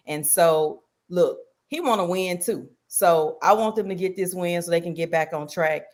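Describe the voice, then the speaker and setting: A woman co-hosting a casual sports pick'em chat, talking loosely and getting loud and animated as she vents. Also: fairly low pitch, moderate pace. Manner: animated, loud and laughing when worked up. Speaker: podcast co-host.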